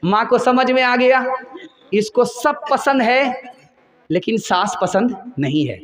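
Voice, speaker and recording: A male preacher with a high-pitched voice tells dramatic stories as he preaches. His voice rings through an echoey room. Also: animated, takes it slowly, a bit bright. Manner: dramatic storytelling with acted quotes. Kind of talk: storytelling sermon.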